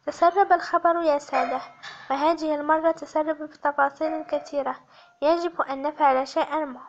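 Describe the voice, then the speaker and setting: Stern police chief, a man keeping his anger in check, read by a woman narrator, high-pitched and slightly muffled. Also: fairly even intonation, a little hiss or hum. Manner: firm, measured.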